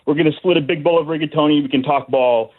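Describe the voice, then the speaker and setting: A friendly, fast-talking caller from New York comes through over the phone, his slightly high voice squeezed thin by the narrow line. He speaks on speakerphone in an easy, buddy-like way, rattling through his points quickly. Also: fairly even intonation. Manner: brisk, chummy, rattles through a list of points. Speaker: radio call-in caller.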